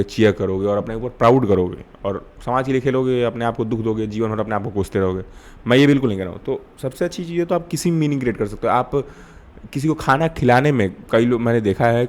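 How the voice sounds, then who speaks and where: Young guy, lowish voice, talking through his life views, lots of ums and restarts. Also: darkish tone. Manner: mixes Hindi with English, thinking aloud with fillers and restarts. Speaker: channel host. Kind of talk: reflective monologue.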